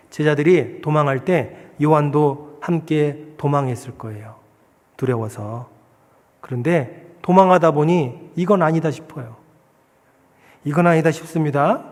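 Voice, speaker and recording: A man's voice: a little high, darkish tone. Man preaching in a reverberant church. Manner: earnest preaching with rhetorical questions and slow emphatic scripture reading. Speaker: pastor. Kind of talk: sermon. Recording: long hall reverb.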